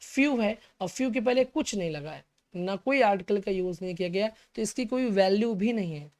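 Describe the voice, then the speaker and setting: His voice sits high, animated and a little mellow as he leads an English grammar lesson for exam students. He works through each step, answers the questions he raises, follows each point with "okay," and slows down to spell out important English terms.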